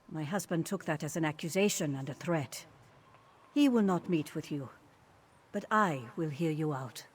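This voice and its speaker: Fantasy game queen: lowish pitch, dignified, formal, measured and politically shrewd. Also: a little mellow. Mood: grave, measured. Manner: formal, regal, deliberate. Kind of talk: video game character dialogue.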